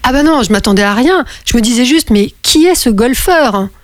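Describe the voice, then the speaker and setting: A woman's voice: on the high side, animated, a little fast, dry recording, studio quality. A middle-aged woman, hosting a radio show and chatting casually on the phone, with lots of restarts. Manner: chatty, laughing, many restarts. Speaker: radio host. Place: radio studio.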